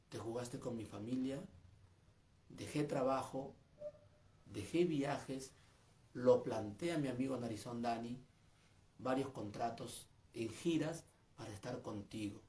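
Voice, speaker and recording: A man's voice: mid-range voice, slow pace, pauses often, dark tone, echoey room. A man, a street comedian, making an earnest, aggrieved personal statement, repeating his points. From Peru.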